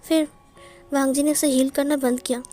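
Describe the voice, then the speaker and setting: A woman narrating a romance fan story and reading every character's lines herself in a plain, even way. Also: sits high, moderate pace. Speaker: fanfiction narrator. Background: soft background music.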